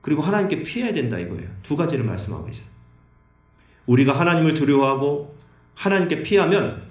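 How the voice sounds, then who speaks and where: Lively preaching man, echoey room. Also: quick pace. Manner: animated, acts out dialogue with sudden pitch jumps. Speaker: pastor. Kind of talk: sermon.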